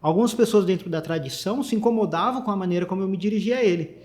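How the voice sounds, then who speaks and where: High-voiced man, fervent slangy guest. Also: rapid-fire, a little mellow. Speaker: podcast guest. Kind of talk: casual faith podcast chat.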